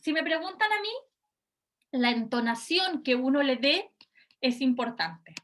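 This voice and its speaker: High-voiced woman lecturing. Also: animated, measured pace, fairly bright tone, slight background noise. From Chile. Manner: explanatory, often checking in with a questioning "ya?". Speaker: university lecturer. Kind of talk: recorded class lecture.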